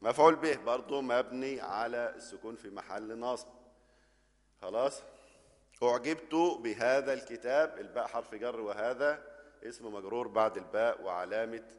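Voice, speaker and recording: A man's voice: on the low side, moderate pace, big-room sound. A man with an Egyptian accent teaching an Arabic grammar lesson, explaining step by step and often checking that the class follows.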